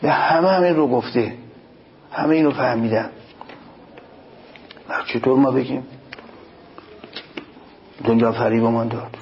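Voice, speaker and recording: A man's voice: medium pitch, long pauses. A man preaching a religious sermon, reciting Arabic passages and explaining them in Persian, rising emphatically on key points. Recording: dull lo-fi recording, faint noise.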